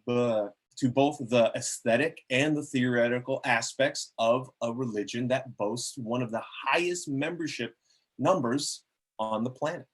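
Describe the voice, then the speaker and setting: During an amateur table reading of a script, a man plays a glib cardinal delivering a public speech. His husky, middle-pitched voice addresses the crowd in an oratorical, salesmanlike way.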